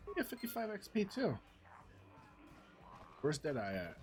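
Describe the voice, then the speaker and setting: A man's voice: sits high, huge pitch swings, measured pace, faint music behind. A male game streamer giving casual commentary, muttering asides and reading on-screen text aloud.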